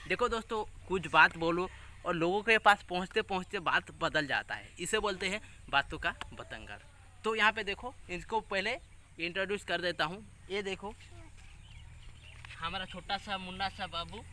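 Bright-voiced young man vlogging outdoors. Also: high-pitched, normal speed, slight background noise. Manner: chatty, teasing, repeats tongue twisters. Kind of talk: casual village vlog hosting. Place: outdoors in a village.

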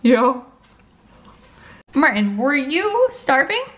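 A woman's voice: sits high, sing-song, drawn-out words, fairly bright tone. A woman filming a casual home vlog, talking chattily to the camera and coaxing her toddler in a sing-song way. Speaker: mom vlogger.

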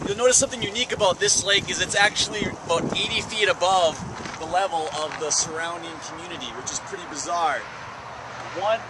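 A young man in his twenties fronts a road-trip video like a parody newscaster, signing off with mock formality. His voice sits slightly high. He's caught on a handheld camera outside, with wind and traffic noise around him. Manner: jokey, mock-formal sign-offs. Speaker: vlog host. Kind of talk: mock news-anchor travel vlog. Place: outdoors and in restaurants on a road trip. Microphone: handheld camera mic.

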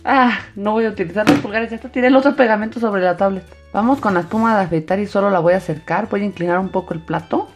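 A woman hosts a casual craft vlog for children. She talks in an excited, chatty way at a medium pitch, explaining as she goes. Faint music plays behind her voice. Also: quick pace, few pauses. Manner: excited, chatty, addressing young viewers. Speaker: host of a children's slime channel.

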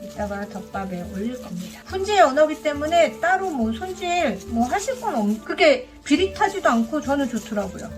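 A woman with a fairly high voice casually walks viewers through her cooking step by step. She is polite and chatty, speaking to them directly, with music clearly playing behind her. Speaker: cooking vlogger.

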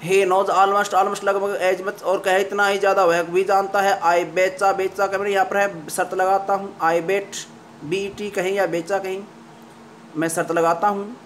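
An English teacher takes his class through a story, slowly reading each English line aloud and then explaining it in Hindi, often restarting his sentences as he works out the meaning. His high voice barely moves in pitch and has a fairly bright tone. There is slight background noise.

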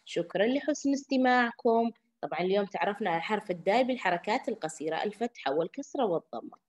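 A woman's voice: mid-range voice, lively intonation. A woman teaching young children in a recorded lesson. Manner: sing-song, drawn-out teaching chants. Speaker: kindergarten teacher.

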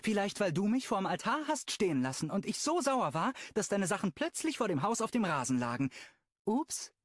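A man voicing a sharp-tongued young woman who was left at the altar, in an audiobook. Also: very animated, normal speed, dry recording, clean studio sound. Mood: furious. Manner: shrill, cutting, much higher voice.

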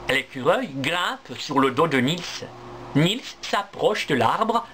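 A man, a language teacher, reading a story aloud for learners in a clear, deliberate, expressive way. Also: a little high, a little hiss or hum.

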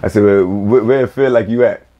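Bahamian guy, pretty low voice, chill rambling chat in a studio. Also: a little fast, lo-fi sound. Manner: laid-back, loose, many fillers and repeated words. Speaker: guest, record label owner. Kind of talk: casual interview chat. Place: small music studio indoors.

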